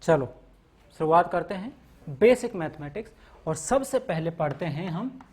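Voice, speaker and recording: His voice is high, expressive, and a little mellow, at normal speed, as this man lectures a maths class. He explains step by step, lists the topics, sprinkles in English terms, and often checks in with students using "theek hai na."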